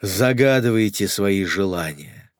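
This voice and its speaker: A man voicing a sly male charlatan sorcerer who intones in a slow, grave, sepulchral voice. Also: fairly low pitch, animated, no echo, studio quality. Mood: commanding.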